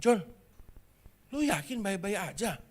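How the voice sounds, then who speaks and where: A man's voice: high-pitched, very animated, slow pace, a little mellow, heavily acted. A man voicing a concerned young male student who keeps pressing his friend in slang. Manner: insistent, repeating the worry in slang.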